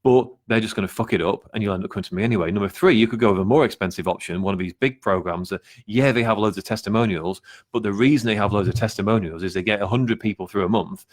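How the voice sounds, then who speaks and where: A middle-aged man giving sales advice straight to camera, talking candidly and bluntly and swearing now and then. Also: fairly low pitch. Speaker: sales and marketing coach. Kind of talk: direct-to-camera business advice video.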